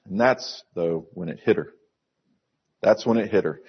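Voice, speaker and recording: Man, sermon, slow and earnest, emphatic repetition, breathy tone. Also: mid-range voice, muffled recording. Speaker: pastor.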